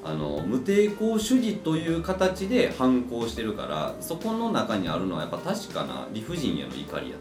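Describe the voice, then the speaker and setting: A man's voice: medium pitch, huge pitch swings. A man with a Kansai accent chatting casually, answering questions hesitantly and thinking aloud over background music. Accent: Kansai Japanese. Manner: hesitant, thinking aloud with drawn-out hums and repeats. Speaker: podcast co-host answering questions. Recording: roomy echo, music underneath.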